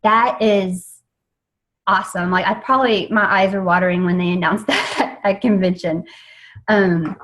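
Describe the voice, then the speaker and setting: A young woman talking her team through a training session. Her pitch sits right in the middle range, and she keeps an eager, chatty flow full of ums and restarts, like she's talking to friends rather than lecturing. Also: steady tone, unhurried, fairly bright tone, poor audio. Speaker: network marketing team trainer. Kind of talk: informal training talk.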